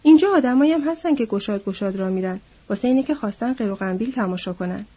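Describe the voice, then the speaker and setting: A woman voicing a chatty young male ranch hand who gossips loudly and eagerly, in a storybook reading. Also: medium pitch, slightly rough. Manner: loud, lively gossiping. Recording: dull lo-fi audiobook recording.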